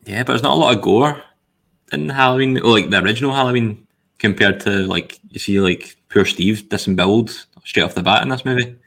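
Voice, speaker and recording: Low-voiced man, laid-back. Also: brisk, vocal fry. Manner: relaxed, thoughtful, hesitant with fillers. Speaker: podcast host. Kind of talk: casual film discussion.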